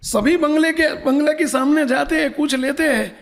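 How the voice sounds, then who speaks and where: High-pitched old woman put on by a male preacher, humble, pleading, earnest. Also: moderate pace, gravelly, a bit bright, exaggerated voice. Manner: pleading, calling out.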